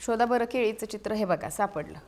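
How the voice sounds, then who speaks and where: A woman's voice: medium pitch, brisk, a little mellow. A woman teacher with a Marathi accent, showing a classroom teaching aid, who patiently asks questions and repeats the answers.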